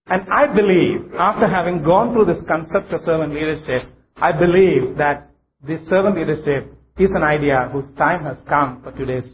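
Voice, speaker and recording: South Indian man preaching, higher-pitched voice. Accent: South Indian English. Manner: halting, repeats phrases for emphasis. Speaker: guest preacher. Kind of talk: sermon. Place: church service. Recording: muffled, noisy live recording.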